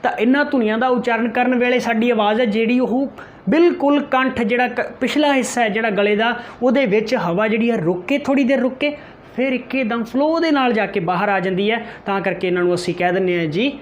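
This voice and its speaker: A male teacher giving an exam-prep grammar lesson, repeating key terms, slowly sounding out example letters and answering his own questions. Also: extremely high pitch, dull audio, a little hiss or hum.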